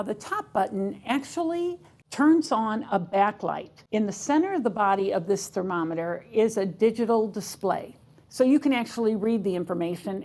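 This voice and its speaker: A woman with a medium-pitched voice gives a how-to demonstration in her kitchen. She is instructive and describes each action as she does it, one step after another. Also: darkish tone. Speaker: instructor demonstrating a kitchen aid for people with sight loss. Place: home kitchen.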